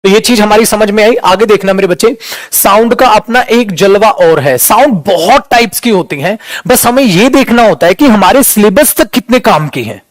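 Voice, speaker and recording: A man's voice: sits high, expressive, moderate pace, no room sound. A man teaching an online English class in a casual lecture style, calling students beta and dear and demonstrating pronunciation.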